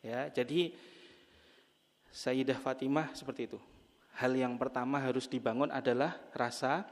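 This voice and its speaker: A man's voice: mid-range voice, steady tone, moderate pace, big-room sound. A man preaching to a women's study group in a mosque, telling stories with humor and asking the audience questions. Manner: humorous storytelling, jokes with audience.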